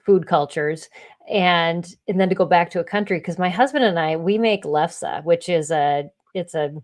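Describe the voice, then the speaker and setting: A woman's voice: lowish voice, normal speed. A middle-aged woman hosting an interview in casual chat, often repeating words as she thinks. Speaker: podcast host.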